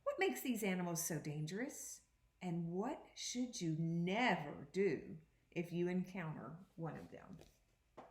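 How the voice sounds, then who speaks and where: A second grade teacher does an interactive read-aloud for young children, reading deliberately and stopping to ask her listeners questions. Her voice is lowish with lively intonation, and the sound is roomy.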